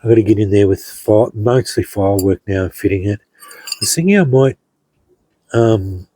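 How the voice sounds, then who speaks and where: A middle-aged man, a hobby blacksmith, casually showing off his finished pieces in an unhurried, rambling way, with many ums and restarts. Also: lowish voice, mellow, no room sound, poor audio. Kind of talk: casual show-and-tell narration.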